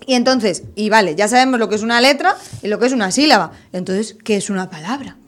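A woman's voice: medium pitch, fast. Patient teacher woman quizzing young kids. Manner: patient, questioning, repeats children's answers. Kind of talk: classroom lesson with young children.

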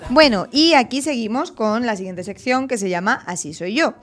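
Woman teacher, classroom lesson for little kids, slightly high, patient question-and-answer. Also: normal speed, over music. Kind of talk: classroom lesson with young children.

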